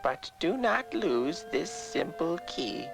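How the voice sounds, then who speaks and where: A woman playing a gentle, very old great-grandmother in a storybook drama, speaking tenderly and solemnly. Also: low voice, very animated, slow pace, vocal fry, over music, heavily acted, low-quality recording. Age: very old woman, as played. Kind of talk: dramatized storybook fairy tale.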